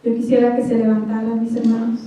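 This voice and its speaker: A woman preacher delivers a fervent sermon, calling out again and again to her congregation. Her voice sits fairly high and warm. It rings through a big echoey church hall, picked up from some distance with a dull edge. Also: monotone, quick pace. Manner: fervent, calls out to the congregation often.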